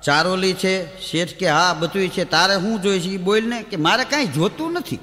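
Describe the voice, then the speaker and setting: A man tells folk jokes. His high, bright voice jumps between the characters in quick quoted exchanges. The sound has a long hall reverb. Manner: acts out dialogue in quick back-and-forth quotes. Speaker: comedian telling village jokes. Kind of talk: Gujarati folk humor storytelling (lok dayro). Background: audience laughter.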